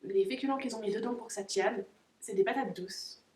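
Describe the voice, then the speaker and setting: A young woman vlogging an unboxing of dog toys in a casual, excitable, giggly way, breaking off to talk to her dogs. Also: medium pitch, brisk, a little hiss or hum. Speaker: pet vlogger. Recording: roomy, distant camera audio.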